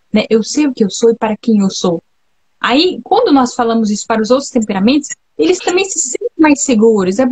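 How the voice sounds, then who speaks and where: Hosting a casual live chat about temperaments, a Brazilian woman talks in a chatty, reflective manner and keeps checking in with her listeners. Her voice is on the high side, a little mellow, with a breathy edge.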